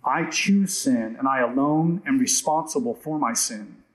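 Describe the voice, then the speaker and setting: A man's voice: mid-range voice, unhurried, roomy sound, poor audio. A male pastor preaching a sermon in a conversational way, often checking in with the congregation. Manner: conversational preaching with frequent "right?" asides.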